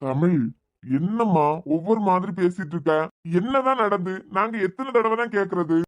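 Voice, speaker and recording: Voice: mid-range voice, expressive, normal speed, dry recording, natural voice. A voice actor playing an older father-in-law in a cartoon, patiently asking what is wrong. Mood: puzzled. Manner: patient, questioning.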